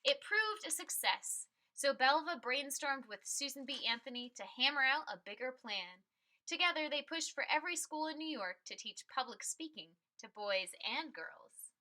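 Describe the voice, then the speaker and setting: A woman with a bright, high voice reads a picture book aloud at a moderate pace. She tells the story expressively and with emphasis, setting out each phrase clearly for her listeners.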